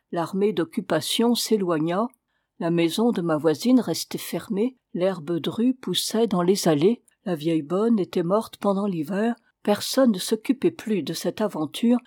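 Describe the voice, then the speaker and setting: A woman narrating a classic short story as an audiobook, in a measured, steady storytelling manner. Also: mid-range voice, breathy edge, no echo, clean studio sound.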